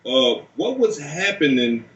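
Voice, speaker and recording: A man's voice: on the high side, very animated, takes it slowly, a bit bright. A man conducting an informal interview with probing, clarifying questions. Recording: distant, echoey, muffled room sound.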